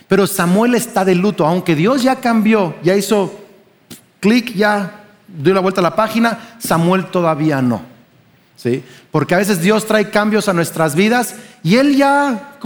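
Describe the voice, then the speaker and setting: A man's voice: sits high, long reverb tail. A man with a Mexican Spanish accent preaching a sermon as pastor, conversational and often asking the congregation questions.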